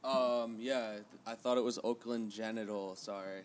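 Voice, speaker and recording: A man making a prank phone call, talking haltingly with lots of ums. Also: lowish voice, fairly even intonation, a little hiss or hum. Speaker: prank caller.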